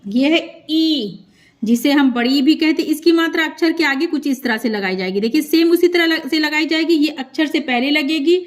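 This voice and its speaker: A woman teaching a children's script lesson, slow and patient, stretching out syllables and repeating sounds for learners. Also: high voice.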